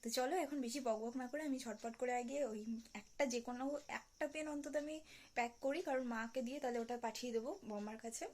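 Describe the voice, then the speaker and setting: Young woman vlogger, hushed late-night chat into a phone at home, a little high-pitched. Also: fast talker. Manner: hushed, soft-spoken to avoid being overheard.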